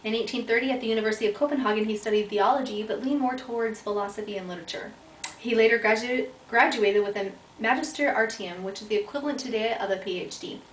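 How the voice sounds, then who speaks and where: A woman's voice: a little high, quick pace. A young American woman giving an oral class presentation as a student, reading from notes with frequent ums and restarts. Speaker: education student. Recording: echoey room, voice from far off, faint background noise.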